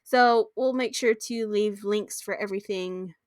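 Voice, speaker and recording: A woman co-hosting a casual podcast, bubbly and given to excited gasps, her voice coming through a tinny backup microphone. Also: medium pitch, measured pace, dry recording. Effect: tinny, like talking through a tin can. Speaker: podcast co-host. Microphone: makeshift backup microphone.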